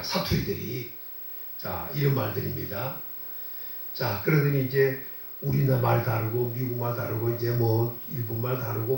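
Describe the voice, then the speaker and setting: Male pastor, conversational sermon, lively shifting pitch, asks and answers his own questions, very reverberant room with a distant mic. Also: gravelly. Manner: conversational preaching with rhetorical questions; repeats phrases for emphasis. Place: church sanctuary.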